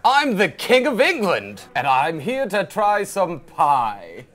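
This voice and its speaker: A man hamming up a self-important King of England, booming and raised in pitch. He draws out each proclamation in a grand, silly way. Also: wildly swooping pitch, a bit bright, soft background music, exaggerated voice. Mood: pompous. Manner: grand, drawn-out announcing.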